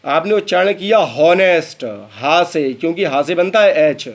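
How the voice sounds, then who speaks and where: A man's voice: on the high side, normal speed. A man teaching English grammar, who spells words out letter by letter and calls his students "beta". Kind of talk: classroom lesson.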